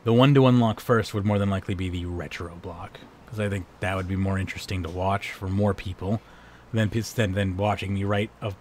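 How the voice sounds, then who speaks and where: A man with a hoarse voice, hosting and wrapping up a livestream in a casual, rambling way. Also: low-pitched, fairly even intonation, fairly quick, a little hiss or hum. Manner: rambling, laid-back. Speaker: livestream host. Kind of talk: casual stream sign-off chat.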